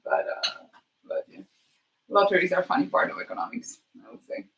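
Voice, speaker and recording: A woman chatting casually to her live stream while she cooks, thinking aloud in a halting way and trailing off. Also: fairly low pitch, wildly swooping pitch, a bit bright. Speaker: streamer hosting a live cooking chat. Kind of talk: casual chat while cooking. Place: kitchen, next to the sink. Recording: noisy kitchen with clicks. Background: cooking noises and clicks.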